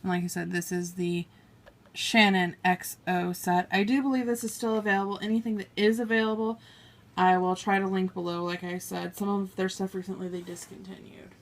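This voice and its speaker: Brisk and steady in tone, with a medium-pitched voice, a beauty vlogger chats casually through her makeup haul. She swatches shades on her arm and apologizes for mispronouncing names as a camera on a table films her hands.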